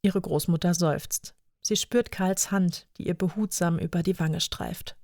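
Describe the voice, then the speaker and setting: A woman reads a story aloud in a calm, measured voice that sits a little low. The recording is dry and close, with no room sound. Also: no room sound. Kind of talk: scripted story narration.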